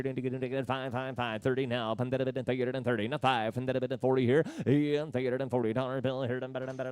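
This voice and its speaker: A man working as a livestock auctioneer, calling bids in a rapid rolling chant full of repeated filler words. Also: medium pitch, darkish tone, smooth, no echo, studio quality. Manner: rolling, repetitive filler-word patter between bids.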